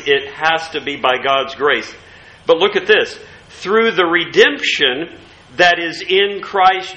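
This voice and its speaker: A man preaching a sermon in an earnest, emphatic way, slowing down to stress key words. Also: fairly high pitch, pushed and bright, reverberant, low-quality recording.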